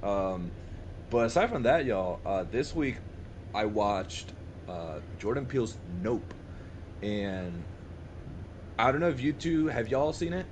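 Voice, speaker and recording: This young man's medium-pitched voice is animated but slow, with frequent pauses, as he chats eagerly with friends on a podcast. He often restarts and repeats his thoughts, and a faint hiss or hum runs underneath.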